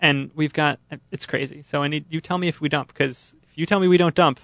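A man's voice: a little high, steady tone, fairly quick, gravelly, a bit bright, no room sound, dull audio. A man hosting a casual radio talk show, chatty and self-mocking as he tells a story in a studio. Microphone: studio microphone.

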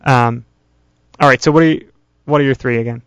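A man hosting a call-in radio show in a smooth radio host manner, chatty and keeping the talk moving between callers. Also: medium pitch, steady tone, brisk, no room sound. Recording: dry, dull lo-fi radio broadcast.

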